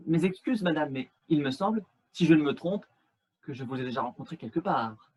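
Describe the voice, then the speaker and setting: A man playing a stiffly polite English gentleman in an absurdist stage scene, speaking in a halting, ceremonious way over a video call. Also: on the high side, lively intonation, husky, low-quality recording. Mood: formal. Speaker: amateur actor.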